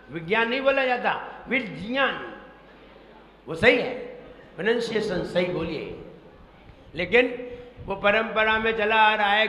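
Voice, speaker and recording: A man preaches slowly in a high, bright voice. He asks his listeners questions and spells words out one letter at a time. The sound rings with long reverb from a large hall. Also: slight background noise. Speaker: Jain monk preacher. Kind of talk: sermon teaching pronunciation.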